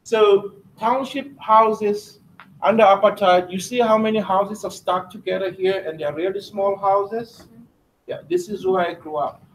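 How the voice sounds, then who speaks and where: A South African man with a high voice teaches a class and keeps throwing questions at the children, with halting uhs between his points. He is picked up from across a roomy classroom with faint noise behind him. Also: fairly even intonation, far from the mic. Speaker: guest speaker to schoolchildren. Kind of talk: classroom talk.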